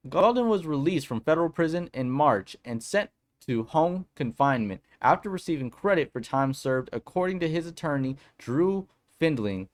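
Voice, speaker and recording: A man with a fairly high, lively voice hosts a casual political commentary vlog at a moderate pace. He chats in an upbeat, slangy way before reading a news article aloud.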